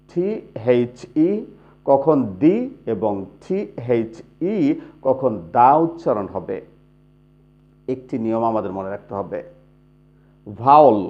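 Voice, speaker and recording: A man giving a spoken English grammar lesson, explaining step by step and repeating example words to show pronunciation. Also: mid-range voice. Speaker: English teacher. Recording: dull lo-fi sound.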